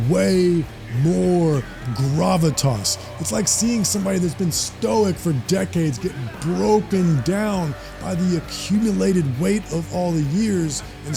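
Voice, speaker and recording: A man's voice: high voice, vocal fry, warm tone. A man hosting a casual metal album review show, enthusiastic and joking. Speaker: host.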